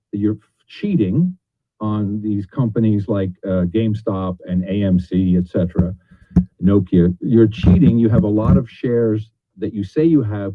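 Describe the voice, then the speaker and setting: A man's voice: lowish voice, dry recording. A blunt, profane man speaking in a clip whose sound is played through a computer speaker and picked up again by a microphone. He restarts his sentences often. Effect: video audio played through a computer speaker and picked up again by a mic. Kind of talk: candid spoken remarks. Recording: muffled re-recorded speaker playback.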